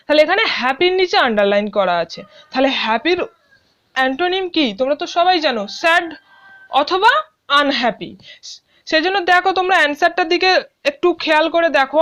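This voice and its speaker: A woman's voice: high-pitched, a bit bright. A woman teacher explaining a school English lesson to students, asking questions and then answering them patiently. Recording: dull lo-fi sound.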